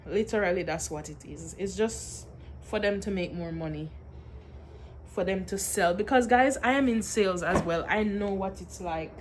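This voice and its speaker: A young woman vlogging at home, telling her story in an animated way with sighs and laughs, and sounding tired. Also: mid-range voice, a little hiss or hum. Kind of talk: casual venting vlog.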